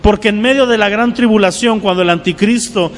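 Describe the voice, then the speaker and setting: A man's voice: high voice, fairly quick, big-room sound. A male pastor preaching a sermon, with call-and-response asides to the congregation.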